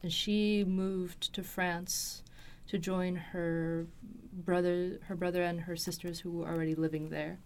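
Speaking slightly slowly with hardly any pauses, a Los Angeles woman in her 20s shares a personal story as a guest in a studio interview. Her lowish, level, slightly mellow voice comes with a faint hiss or hum, and she pieces her thoughts together hesitantly.

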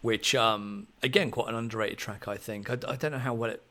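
A man hosting a podcast, chatting about music in a relaxed, thoughtful way with plenty of ums. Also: fairly low pitch, brisk. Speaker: podcast host. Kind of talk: casual music chat.

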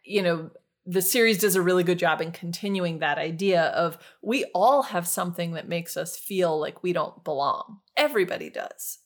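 Lively woman co-hosting a chatty podcast. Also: fairly low pitch, normal speed. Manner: animated storyteller, acts out quotes with big shouts. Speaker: podcast co-host. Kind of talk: casual chat.

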